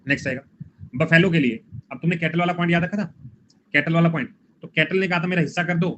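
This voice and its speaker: A man teaching a live online exam-prep class, drilling quick memory tricks and coaxing his students along. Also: a little high, fairly bright tone. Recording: dull lo-fi stream audio with faint noise.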